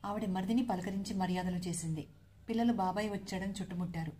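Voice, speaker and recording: A woman's voice: mid-range voice, dark tone. A woman narrating a serialized novel, recounting the story steadily for her listeners.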